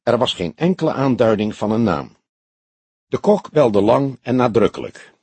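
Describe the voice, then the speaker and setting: A man reading a detective novel aloud in a measured storytelling manner. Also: mid-range voice, big pitch swings, darkish tone, husky, dry recording. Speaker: audiobook reader. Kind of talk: scripted narration of a detective novel.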